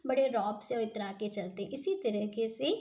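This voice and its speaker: A woman's voice: fairly high pitch, moderate pace, warm tone. A woman reading and explaining a children's story, often stopping to ask her listeners questions. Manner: retells each line and explains the wordplay, asks listeners questions.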